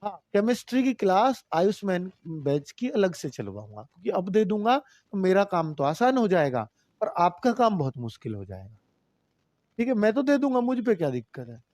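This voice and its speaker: A man's voice: high voice, big pitch swings, moderate pace, a little mellow, dry recording. A man teaching Hindi grammar in a live online class, patiently repeating rules and addressing students as children.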